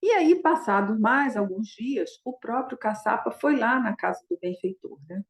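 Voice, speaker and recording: A woman's voice: a little high, animated, normal speed, reverberant. A woman dharma teacher retelling a Buddhist story in a conversational way, constantly adding short tag questions.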